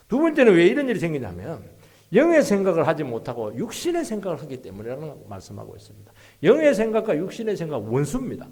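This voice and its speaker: Male pastor, husky, slightly high voice, animated sermon delivery with hushed and loud swings. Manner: swings between hushed asides and loud emphatic rises. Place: church sanctuary.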